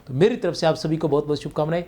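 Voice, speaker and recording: Speaking rapid-fire in a fairly high, dark-toned voice, a man leads an exam-prep grammar lesson. He repeats explanations patiently, lengthens key words as he writes them up, and checks in with the class often, saying "theek hai na" again and again.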